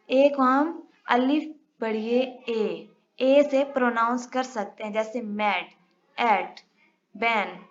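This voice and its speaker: Woman teacher, young, slow and deliberate, dull lo-fi sound. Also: a little high, fairly bright tone. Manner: slow, careful, spells out letters and sounds. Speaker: English teacher. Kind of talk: recorded lesson. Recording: dull lo-fi recording.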